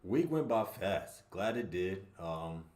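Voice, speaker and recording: A man co-hosts a casual sports podcast with a slow, laid-back delivery. His voice sits fairly low. The audio carries a roomy echo. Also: lively intonation, darkish tone. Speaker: podcast co-host. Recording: roomy, echoey room sound.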